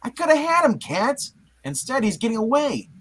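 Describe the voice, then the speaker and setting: A man's voice: very high voice, very animated, normal speed, fairly bright tone, full character voice. A man voicing a brash, wisecracking young superhero, melodramatic and exclamatory, in a comic book puppet-show reading. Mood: exasperated.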